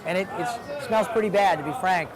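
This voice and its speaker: Travel host, man, high voice, easygoing on-location food chat, loud crowd behind. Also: fast. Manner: easygoing, chatty, trying street food. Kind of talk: casual on-location food commentary. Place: outdoor night market. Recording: noisy crowd outdoors. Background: busy crowd chatter.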